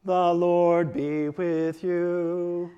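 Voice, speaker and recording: A man acting as priest, leading liturgical prayers and responses in a slow, measured intoning, heard with a long cathedral echo in a large church. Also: sits high, flat delivery, muffled recording. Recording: echoey church hall, heard from afar.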